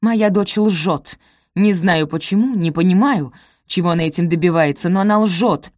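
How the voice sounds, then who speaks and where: A woman voicing a shrill, spiteful middle-aged countess who shrieks and hisses her accusations. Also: moderate pace, a little mellow, dry recording, studio quality, lightly acted. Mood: cold fury. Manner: shrieking, hissing.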